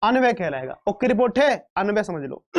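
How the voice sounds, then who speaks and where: With slight background noise behind him, a man with a high voice teaches grammar online to exam-prep students. This Hindi teacher keeps it light, joking around, addressing everyone as "beta," and echoing terms back as quiz questions.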